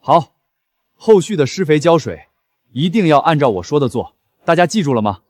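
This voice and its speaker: Confident young village leader, lively, dry close voice. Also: male voice, fairly high pitch, normal speed, no echo. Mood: assured. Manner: assured, reassuring. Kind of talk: short-drama acting.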